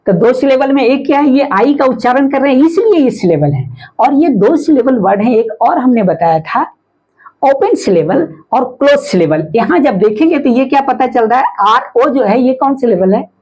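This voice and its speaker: Female phonics teacher, patient and repetitive, slightly raised pitch, husky, mellow tone. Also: very animated, lo-fi sound. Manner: patient, repetitive explaining with frequent "है ना" checks; sounds out words slowly letter by letter. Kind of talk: phonics lesson explaining syllables.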